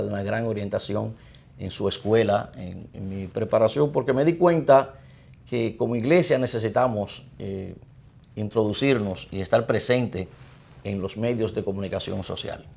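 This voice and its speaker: A middle-aged priest from the Dominican Republic, with a Dominican Spanish accent, speaks in a low, gravelly voice edged with vocal fry and a darkish tone. As an interview guest, he reflects on his life in a measured way.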